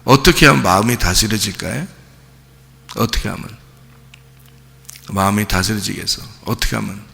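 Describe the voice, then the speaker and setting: Gravelly pastor preaching in a reverberant hall. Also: male voice, on the low side, moderate pace, sharp tone. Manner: keeps asking the congregation questions; emphatic, repeats key words. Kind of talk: early-morning sermon. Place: church sanctuary. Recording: long church-hall reverb.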